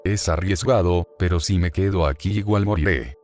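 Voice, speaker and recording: A man narrating creepypasta horror stories aloud at a steady, even reading pace. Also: low voice, normal speed, faint music behind.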